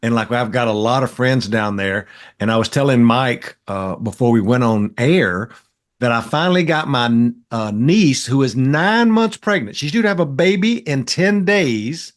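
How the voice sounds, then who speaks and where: A man's voice: mid-range voice, animated, moderate pace. A middle-aged man, talking politics in a blunt, folksy way as a podcast co-host. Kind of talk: casual political chat.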